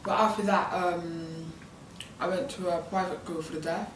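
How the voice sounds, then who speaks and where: With a lowish voice and fairly even intonation at a normal speed, a nineteen-year-old British woman answers interview questions as a student intern. Her first language is British Sign Language, and her answers are informal, hesitant, and rambling, with many ums and likes. The recording has a distant mic, echoey room, and background noise.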